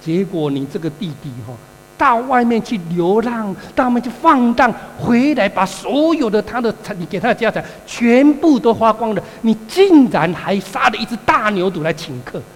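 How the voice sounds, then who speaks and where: A man's voice: sits high, animated, very fast, few pauses, mellow. A male pastor acting out a resentful older son complaining to his father during a sermon, with a Taiwanese-accented delivery. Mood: aggrieved. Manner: aggrieved complaining. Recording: reverberant hall with mains hum.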